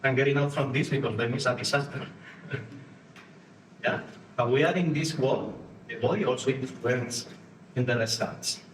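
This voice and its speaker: A man from Spain speaks in a Spanish accent at a middling pitch, giving a live talk to a conference audience. His phrasing halts and restarts as he acts out postures and inner voices. The recording is echoey and taken from a distance, with a faint hiss of noise underneath. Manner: halting non-native phrasing with frequent restarts. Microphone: distant room mic.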